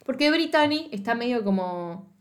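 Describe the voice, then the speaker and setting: A woman with an Argentine Spanish accent, chatting casually as a podcast co-host, slangy and animated, acting out quoted lines as she recaps a film. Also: on the high side, moderate pace.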